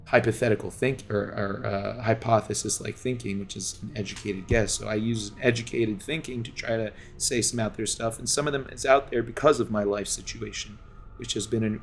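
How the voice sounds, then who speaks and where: This man's voice is fairly low and creaky. He's a game streamer based in Los Angeles, talking to his audience from home in an earnest, meandering monologue that keeps restarting and leans heavily on fillers.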